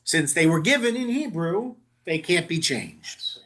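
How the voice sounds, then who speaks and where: A man's voice: fairly high pitch, very animated, unhurried, a bit bright. A man leading a synagogue Talmud study group in a chatty, informal teaching style, often amused by the text and stumbling over Aramaic words.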